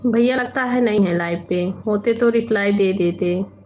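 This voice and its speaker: A woman hosting a casual late-night live stream from home, chatting unhurriedly with viewers, reading out their comments and gently scolding them. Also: mid-range voice, moderate pace, a little hiss or hum.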